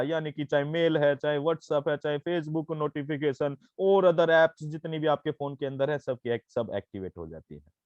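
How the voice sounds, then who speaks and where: A man giving a persuasive sales pitch, mixing Hindi with English phrases and calling listeners his friends. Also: darkish tone, dry recording, lo-fi sound. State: coughing, throat irritated. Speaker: network marketing presenter.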